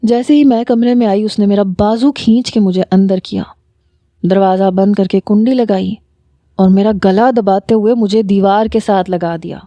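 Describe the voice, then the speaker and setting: Woman narrator, first-person story reading, steady dramatic delivery, warm dark tone, dry close sound. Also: mid-range voice, no room sound.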